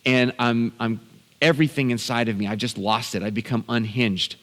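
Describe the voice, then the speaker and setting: Pastor preaching in an echoing hall. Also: male voice, medium pitch, steady tone, normal speed, a bit bright. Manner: earnest storytelling, bursts of raised emphasis. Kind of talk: sermon. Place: church sanctuary.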